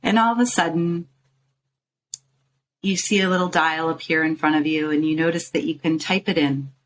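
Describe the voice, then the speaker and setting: With fairly even intonation, a low-pitched woman guides a meditation, coaxing the listener softly in short phrases broken by pauses. She's the show's host and meditation guide, and some ambient noise can be heard behind her.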